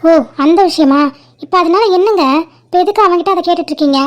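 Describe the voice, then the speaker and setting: A woman's voice: extremely high pitch, fast. A woman voicing a protective middle-aged mother in a cartoon family drama, pleading and defending her son.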